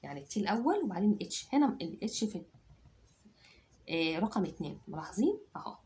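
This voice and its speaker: A woman's voice: mid-range voice, big pitch swings, quick pace, warm tone. A woman teacher with an Egyptian accent, giving a phonics lesson to children, sounding out letters and checking that they follow. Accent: Egyptian Arabic. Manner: drills sounds aloud, repeats and checks understanding. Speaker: English teacher.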